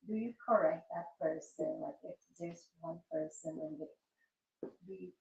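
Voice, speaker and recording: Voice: medium pitch, a little slow, creaky. An audience member from Guyana asking a question in a hesitant, casual way with many fillers. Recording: distant, echoey, dull recording with faint hiss.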